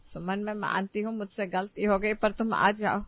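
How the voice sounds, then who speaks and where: A woman's voice: medium pitch, fairly even intonation, normal speed, dry recording, dull audio, close to an everyday voice. A woman voicing a stern but hurt middle-aged mother-in-law who pleads and defends herself. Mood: pleading.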